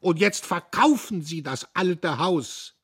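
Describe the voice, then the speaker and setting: A man voicing an old, bitter foreman who pleads and reproaches in a raised, shrill voice. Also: animated, takes it slowly, a bit bright, slightly rough, heavily acted. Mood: pleading.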